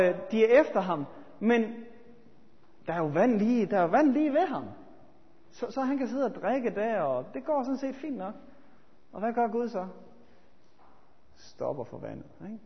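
A man with a high voice preaches a sermon, moving between loud, urgent appeals and quiet, reflective asides. The recording sounds dull, with long reverb trailing through a church hall.

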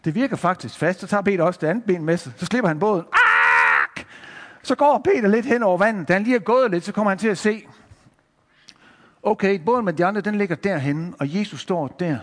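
A man telling a Bible story to children, lively, showing pictures and addressing the listeners directly. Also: sits high, long reverb tail.

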